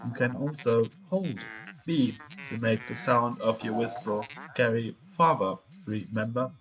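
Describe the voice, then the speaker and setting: A man voicing a calm, formal male spaceship computer, reading game dialogue aloud in a stiff, instructive manner over music. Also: medium pitch, unhurried, close to an everyday voice, poor audio. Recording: music playing behind.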